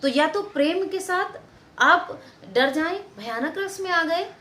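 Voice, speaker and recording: A woman's voice: extremely high pitch, slow, echoey room. A woman who works as a theatre and film actor gives a lecture on acting. She acts out sample lines and repeats phrases for emphasis. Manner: expressive, acts out example lines and stresses.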